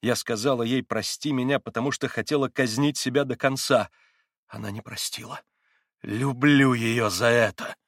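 A proud, tormented young woman, read by a man with a raised, higher voice that trembles with emphasis. Her lines sound dry and close, and her tone runs from pleading to fierce. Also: fairly even intonation, brisk, no echo, natural voice. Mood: agitated.

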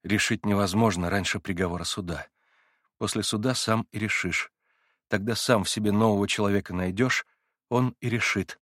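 A man doing a gentle, earnest young man. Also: lowish voice, fairly even intonation, moderate pace, dry recording, clean studio sound. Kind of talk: audiobook character voice.

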